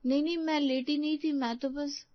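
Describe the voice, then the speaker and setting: Pitching her natural voice above its usual register, a woman plays a young daughter-in-law who's fed up and grumbling. She speaks at a normal speed in a high, fairly level tone, captured in a dry, close, slightly dull recording.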